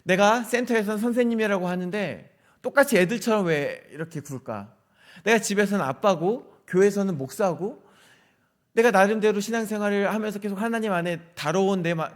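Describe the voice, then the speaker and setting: A middle-aged male pastor preaching in a relaxed, conversational way to a youth service. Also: sits high, normal speed. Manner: conversational, acts out quoted dialogue. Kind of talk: sermon.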